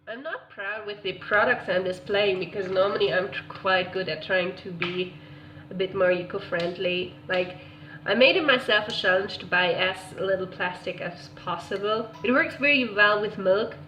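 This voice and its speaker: A woman's voice: medium pitch, normal speed, muffled recording. A woman rambling casually in a home vlog, chatty and self-interrupting, whose first language is German. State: sick. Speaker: vlogger. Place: her own room at home. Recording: echoey room, faint ambient noise.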